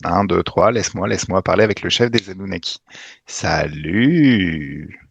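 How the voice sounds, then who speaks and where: A man's voice: deep voice, fairly even intonation, fast talker, gravelly, slightly rough, no room sound. A man leading a hypnosis session, commanding and emphatic, with casual swearing. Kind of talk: guided regression session.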